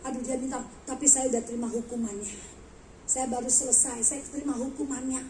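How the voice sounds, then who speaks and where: High-voiced woman preaching in an echoey hall. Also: fast, a little hiss or hum. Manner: animated storytelling, acting out dialogue. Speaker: guest preacher. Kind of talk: testimony sermon. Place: large church hall.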